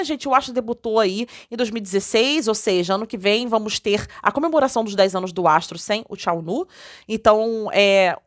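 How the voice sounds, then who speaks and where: A woman's voice: mid-range voice, no room sound, clean studio sound. A woman chatting casually to fans as a vlogger, often tagging her sentences with questions. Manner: chatty, frequent "né?" tags, reads quotes aloud. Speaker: K-pop news vlogger.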